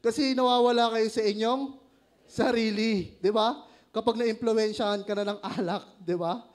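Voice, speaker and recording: A man's voice: sits high, steady tone, normal speed. A man with a Filipino accent preaching a sermon, joking, laughing at his own stories and asking the congregation questions.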